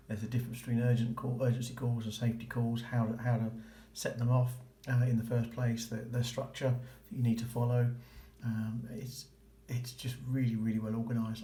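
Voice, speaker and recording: Dark-toned and mid-range, the man walks viewers through his boating course in a relaxed, approving vlog style. Faint noise and a roomy echo surround the recording.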